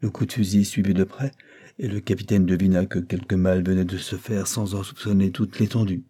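A man's voice: low-pitched, steady tone, brisk, dark tone, husky. A man reading a classic novel aloud as an audiobook narrator, lifting his voice to act out the courtroom exchanges. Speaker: audiobook reader.

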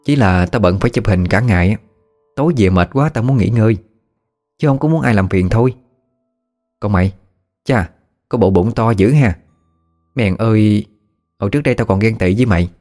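A man voicing a boastful, scheming young village woman, showy and shrill when panicked. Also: a little fast, pauses often, a little mellow, faint music behind, natural voice.

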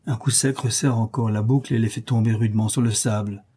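A man narrating an adventure novel as an audiobook in a steady, dramatic storytelling manner. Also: fairly low pitch, fairly quick, slightly rough.

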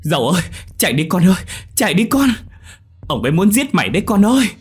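A man voicing a desperate village mother who wails and pleads in a high shouting voice, in a horror story reading. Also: sing-song, fast, husky, faint music behind, full character voice. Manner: wailing and pleading.

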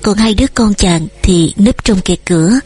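A woman narrating an audiobook novel in a steady storytelling manner. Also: mid-range voice, normal speed, slightly rough.

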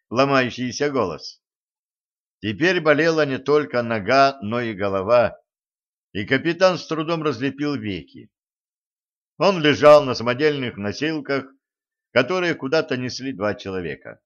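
A man reading an audiobook aloud in calm, even scripted narration. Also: mid-range voice, dull audio. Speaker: audiobook reader.

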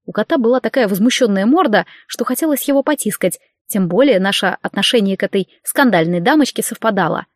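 A woman narrating an audiobook in the first person, with lively, wry storytelling. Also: mid-range voice, fast, hardly any pauses, dry recording, studio quality.

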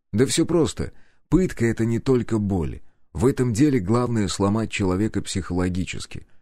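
A man narrating a first-person audiobook in a grim, deliberate, menacing way. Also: fairly low pitch, dark tone, dry recording, studio quality.

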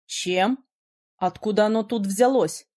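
A woman voicing a brooding, sharp-tongued young male mage in an audiobook, teasing and gruff by turns. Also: mid-range voice, unhurried, natural voice. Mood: explaining. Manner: teasing, then gruff and commanding. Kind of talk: audiobook character reading.

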